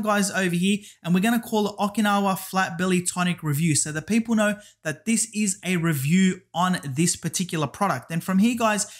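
High-voiced man walking through a tutorial. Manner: repeats "guys" and "over here", step-by-step instructions. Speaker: YouTube tutorial host. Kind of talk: screen-share software tutorial.

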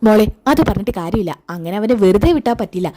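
A woman's voice: medium pitch, lively intonation, fast, background noise, close to an everyday voice. A woman voicing a stern, protective middle-aged mother who speaks indignantly and gives orders. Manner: indignant, commanding.

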